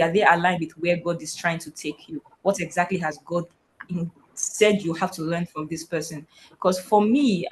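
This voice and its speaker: A woman's voice: fairly low pitch, slight background noise, low-quality recording. A woman from Nigeria, a panel guest on a video call, telling her story with earnest, faith-filled conviction. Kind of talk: personal testimony on a video call.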